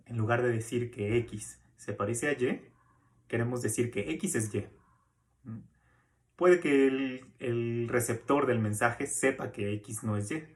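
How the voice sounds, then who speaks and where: A man giving a recorded course lecture in a relaxed, conversational way, often checking in with tag questions and fillers as he explains. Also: medium pitch. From Mexico. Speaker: university lecturer.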